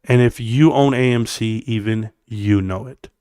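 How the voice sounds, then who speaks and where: This middle-aged stock market streamer has a scratchy voice, yet in the mid range it comes across as mellow, clear and resonant, and he speaks a little slowly. He rants at viewers bluntly and emphatically, full of opinions and talking straight to the chat. The studio sound is clean, with no echo.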